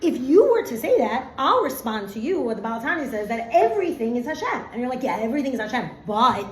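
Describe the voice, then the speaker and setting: A middle-aged woman teaching a casual Torah lesson, animated and full of "like", acting out everyday scenes. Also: high-pitched, fairly quick. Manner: animated, acts out everyday scenes, many fillers of "like". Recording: echoey room, faint background hum.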